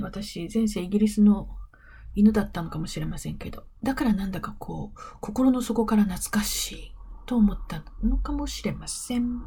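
A woman hosting a weekly advice podcast, talking softly and slowly and often slipping into a whisper. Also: mid-range voice. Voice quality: very breathy, often drops to a whisper. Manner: soft, slow and coaxing, stretches key words. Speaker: English-pronunciation podcast host. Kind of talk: gentle advice monologue.

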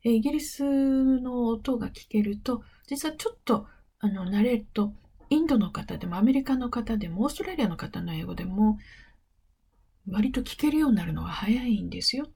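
A woman hosting a weekly advice podcast, talking softly and slowly and often slipping into a whisper. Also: fairly high pitch, lively intonation. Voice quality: very breathy, often drops to a whisper. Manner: soft, slow and coaxing, stretches key words. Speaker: English-pronunciation podcast host. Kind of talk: gentle advice monologue.

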